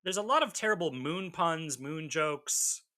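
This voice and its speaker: A man's voice: on the high side, lively intonation, unhurried, sharp tone. A man co-hosting a podcast in casual chat, making wry jokes between fillers and restarts. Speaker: podcast co-host.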